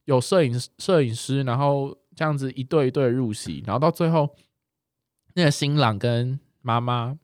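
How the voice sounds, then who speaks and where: A man, co-hosting a podcast and telling a story in a lively, casual way, laughing often. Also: medium pitch, normal speed, dry recording, studio quality. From Taiwan. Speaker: podcast co-host. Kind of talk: casual chat.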